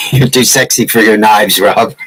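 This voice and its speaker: Speaking slowly in a lowish, fairly bright voice with a breathy edge, this man hosts a woodcarving livestream, and the recording quality is low. He's in his sixties, from Massachusetts, USA, with no regional accent, and his chat is casual, joking, teasing and rambling.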